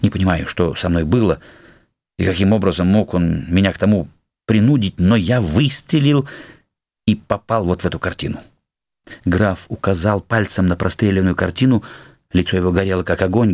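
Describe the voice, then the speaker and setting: A man reads classic prose as an audiobook, his voice low and deep. He takes an unhurried, measured pace, each sentence given its weight. The sound is dry and close, with no room around it. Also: a little mellow, dry recording. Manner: measured, unhurried literary reading with shifts into characters. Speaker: narrator.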